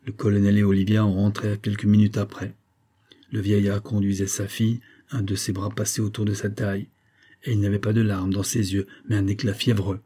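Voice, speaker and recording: A man reading a novel aloud as an audiobook narrator, in a steady, measured way. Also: fairly low pitch, breathy edge.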